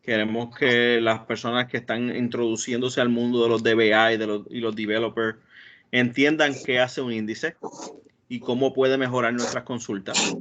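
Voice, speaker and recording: A database administrator from Puerto Rico gives an online technical talk, hesitating often with fillers and restarts. His medium-pitched voice is flat, a bit bright and at normal speed, picked up by a computer mic on a video call with dull, lo-fi audio.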